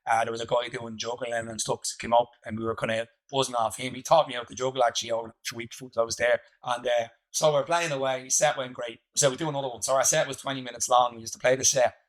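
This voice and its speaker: An Irish man spins a loose, rambling yarn as a podcast guest, his voice sitting at an ordinary middle pitch. He leans on fillers and keeps breaking into laughter mid-story. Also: fairly even intonation, fast, hardly any pauses, poor audio. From Ireland. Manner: rambling, laughs through stories, many fillers. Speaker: guest musician. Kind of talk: casual storytelling.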